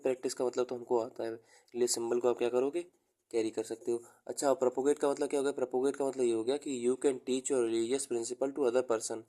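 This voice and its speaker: A young man teaching an exam-prep lecture, explaining slowly, repeating key terms while he writes and mixing Hindi with English terms. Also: medium pitch, mellow.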